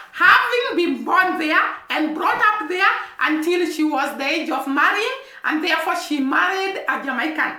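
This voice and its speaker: A woman's voice: extremely high pitch, sharp tone. A woman hosting a commentary vlog, talking earnestly and often linking her thoughts with the same stock phrases. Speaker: channel host. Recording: echoey room.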